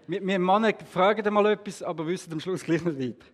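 A man's voice: high voice, quick pace, in a large hall. A man telling a story to an audience, with humorous asides.

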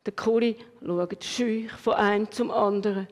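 A woman reads a children's story aloud, lively and expressive. Her voice sits at a middle pitch, and a long hall reverb trails behind every line. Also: measured pace.

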